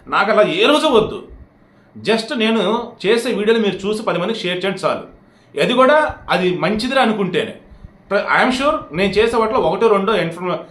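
A man's voice: high-pitched, fairly bright tone. A man giving heated, scolding political commentary straight to his audience, firing rhetorical questions. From India. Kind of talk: direct-to-camera political commentary. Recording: roomy echo.

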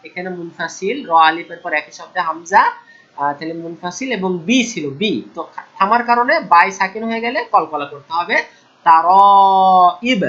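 Male Quran teacher from Bangladesh, slow drawn-out recitation mixed with brisk explanation, slightly muffled lo-fi sound. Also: high voice, pushed and bright. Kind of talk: tajweed recitation lesson.

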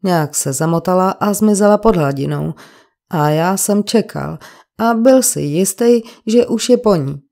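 A woman's voice: on the low side, expressive, gravelly, mellow. A woman reading an audiobook, voicing a defensive working-class male bricklayer who talks in coarse, grumbling colloquial speech.

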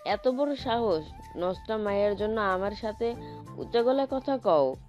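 A woman's voice: animated, a little mellow, soft background music, lightly acted. Brief: woman doing a spiteful stepmother, biting and scornful, dull lo-fi audio. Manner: shrill, scornful, slow and biting. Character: spiteful scheming middle-aged stepmother.

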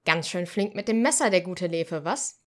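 A woman's voice: lowish voice, animated, normal speed, lightly acted. Teasing male cook in a fantasy audiobook, wry and cautioning, read by a woman. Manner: teasing, warning. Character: teasing older male cook, gently warning.

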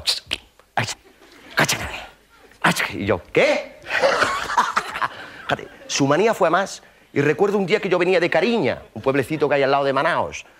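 A man performing a comic stage monologue, an animated storyteller who drops in mouth sound effects and chatty tag questions. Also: medium pitch, a little hiss or hum. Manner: conversational, with frequent tag questions. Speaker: stand-up comedian. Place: theater stage.

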